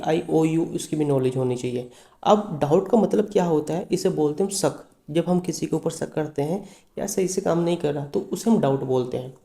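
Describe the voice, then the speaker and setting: Mellow-voiced man teaching, echoey room. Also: a little high. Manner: asks and answers his own questions, spells words letter by letter. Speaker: English teacher. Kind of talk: bilingual language lesson.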